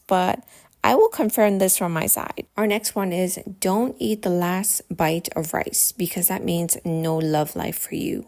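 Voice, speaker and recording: A woman's voice: medium pitch, darkish tone. A woman, telling stories casually to an audience in a chatty, dramatic, joking way. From Thailand. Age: 30s. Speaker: host. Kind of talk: casual storytelling commentary to an audience.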